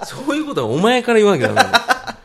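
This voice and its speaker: A man co-hosting a podcast, chatting casually and teasing his partner in blunt, rough speech. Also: very high voice, huge pitch swings, racing, fairly bright tone. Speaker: podcast co-host. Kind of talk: casual banter.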